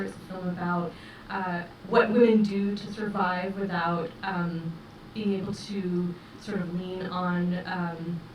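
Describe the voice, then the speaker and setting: Her voice is lowish as she, a middle-aged native English-speaking film director, offers careful, considered replies at a festival interview, peppered with fillers. The sound is roomy and distant, with noise from the mic.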